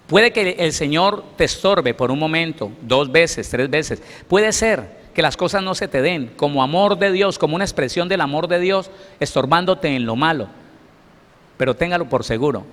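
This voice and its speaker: A man's voice: a little high, a bit bright, long reverb tail. A man preaching a sermon as pastor, emphatic and full of questions to the congregation.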